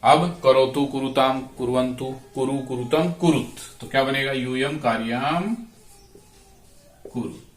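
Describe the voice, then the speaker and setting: A man's voice: medium pitch, steady tone, a little slow, soft background music. A man teaching Sanskrit grammar, drawing out each word and repeating verb forms aloud. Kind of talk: slow classroom explanation. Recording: echoey room, voice from a distance.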